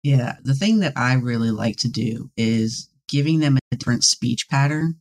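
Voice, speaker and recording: Young man, interview guest, deadpan, dry humor, casual talk. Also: medium pitch, normal speed. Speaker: guest player.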